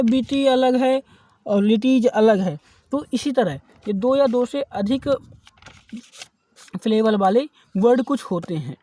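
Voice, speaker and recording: Guy teaching grammar, mellow low-key voice, says key words real slow then explains, keeps saying okay. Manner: repeats key terms slowly, then explains them in Hindi; frequent checking "ठीक है". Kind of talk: grammar lesson explaining definitions.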